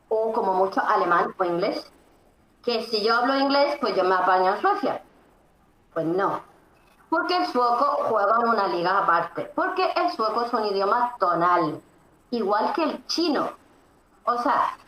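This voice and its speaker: A woman as an interview guest, explaining emphatically and often pausing on fillers. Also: fairly high pitch, a bit bright. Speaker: interview guest, Swedish teacher. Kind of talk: conversational explanation. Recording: echoey room, faint background noise.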